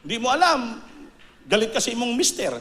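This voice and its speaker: A male preacher delivering a sermon, emphatic and repetitive, breaking into sudden high bursts on key words. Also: very animated, brisk, pushed and bright.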